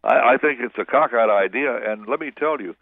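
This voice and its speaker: A man with a creaky, medium-pitched voice speaks briskly as a guest pastor in a phoned-in radio interview. He goes off on tangents and corrects himself, with the call sounding tinny and dry, lacking any room sound.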